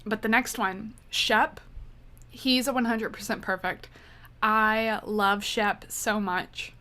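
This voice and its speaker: A woman's voice: medium pitch, fairly even intonation, slow pace, bright, forceful tone. A woman giving her casual, dryly sarcastic take as she ranks game characters in a tier-list vlog. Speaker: gaming video creator.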